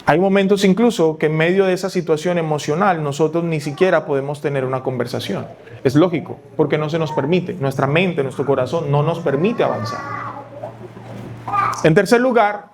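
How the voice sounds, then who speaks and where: A man's voice: a little high, slight background noise. A male pastor giving a sermon, talking it through conversationally and asking and answering his own questions. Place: church.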